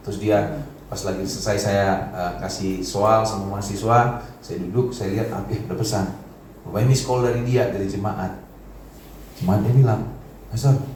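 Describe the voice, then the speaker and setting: Pastor preaching in an echoey church. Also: male voice, a little mellow, slight background noise. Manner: conversational preaching with dramatic pitch swings. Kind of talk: sermon. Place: large church hall. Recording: very echoey hall from far off.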